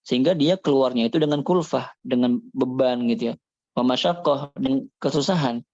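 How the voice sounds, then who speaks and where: A man giving a religious lesson on Quran recitation, calmly explaining and slowly demonstrating Arabic sounds. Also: mid-range voice, dry recording, dull audio.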